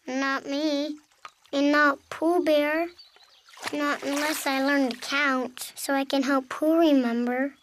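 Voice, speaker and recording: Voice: high-pitched, flat delivery, takes it slowly, noisy background. A child performer voicing a small, earnest, worried young kangaroo in a children's cartoon, speaking hesitantly. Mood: downcast. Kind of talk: animated children's cartoon acting. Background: background music.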